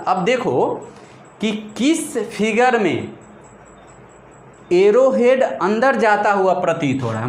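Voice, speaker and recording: A man's voice: high voice, reverberant, a little hiss or hum. A male teacher gives a classroom lecture, asking questions and answering them himself. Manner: drills terms slowly, stretching single words. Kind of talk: classroom lecture in mixed Hindi and English.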